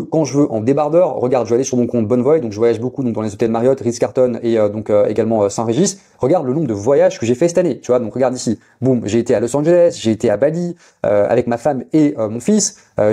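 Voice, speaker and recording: A man from India, pitching his online business coaching to the viewer in a hyped, rambling way full of fillers. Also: mellow. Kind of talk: casual direct-to-camera sales pitch.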